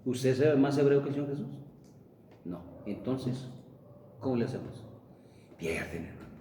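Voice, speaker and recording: A man preaching a sermon, rising emphatically to quote scripture and then dropping low. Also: lively intonation, normal speed, mellow, slight background noise. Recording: echoey room heard from a distance.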